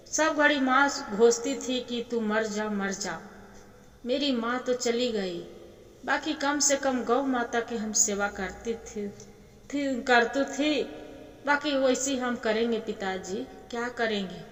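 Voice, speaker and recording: A woman with a Bhojpuri accent voicing a sick young village boy who pleads softly with his father. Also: a little high, slow, roomy sound, in a large hall. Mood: pleading, weak.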